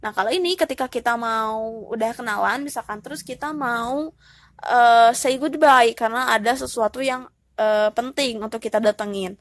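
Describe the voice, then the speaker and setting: A woman teaching English in a relaxed, casual way, explaining step by step and dropping in English phrases. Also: on the high side, normal speed, dry recording.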